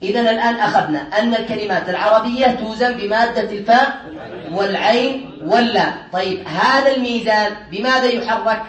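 A man teaching an Arabic grammar lesson. He drills his students by asking questions and answering them himself, and he repeats key terms slowly. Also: sits high, fairly bright tone. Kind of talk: classroom lesson. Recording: echoey room.

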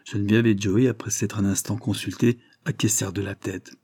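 A man reads literary narration in a measured, steady way. His voice is dark and mellow with a husky edge. The sound is close and dry, with no room around it. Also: lowish voice, no echo. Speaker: audiobook narrator.

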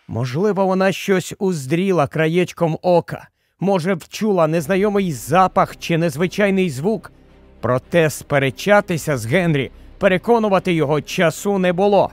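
A man giving an expressive, tension-building narration of a short story. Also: on the high side, slight background noise. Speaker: audiobook narrator. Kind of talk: dramatic audiobook narration.

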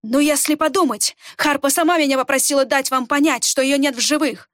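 A brazen, glib male schemer from a fantasy storybook, boasting of his lies, as a woman reads him. The voice is fairly high and the sound dry and close. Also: brisk, a bit bright, dry recording.

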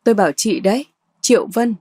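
A woman reading a bold sharp-tongued young woman. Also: medium pitch, expressive, fast talker, breathy edge, dry recording, clean studio sound. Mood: scornful. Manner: cutting, scornful retorts.

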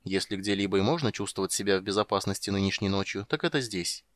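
A man reading an audiobook, voicing an ancient, wise female unicorn who guards the forest, in a deep, resonant, calm and stately manner. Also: fast, no room sound, close to an everyday voice. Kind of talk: audiobook character voice.

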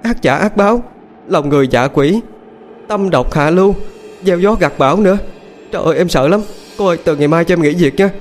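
A man's voice: fairly high pitch, expressive, a little fast, slight background noise, pitched above the performer's own voice, natural voice. A man voicing a frightened young servant girl in a ghost story reading. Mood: terrified. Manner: panicked, pleading.

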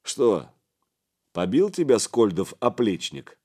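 A man voicing a domineering middle-aged merchant, loud and commanding. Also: on the low side, sing-song, slow, full character voice. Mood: hearty, persuasive.

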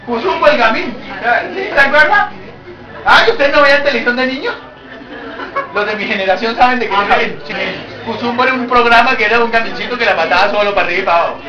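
Pastor, high bright voice, preaching lively and loud at times, echoey church from far off. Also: male voice, muffled recording. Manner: lively preaching, jokes with congregation, rises to shouts. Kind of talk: sermon.

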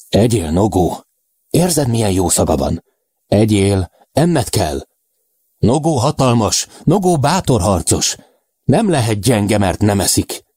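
A man reading a novel aloud in the first person, in a measured, even manner. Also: sits low, husky, no echo, clean studio sound. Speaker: audiobook narrator. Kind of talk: first-person audiobook narration.

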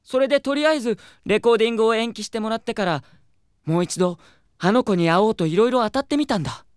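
As both lead character and narrator of an anime audio drama, a man voices a proud, fiery young idol singer with earnest theatricality, giving reflective first-person narration in a lightly acted style. He speaks quickly in a high, clean voice, recorded dry in a clean studio.

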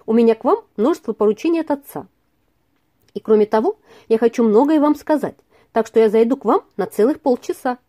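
A woman reading aloud and voicing a lively, impatient young lady with a bright, teasing manner. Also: a little high, brisk.

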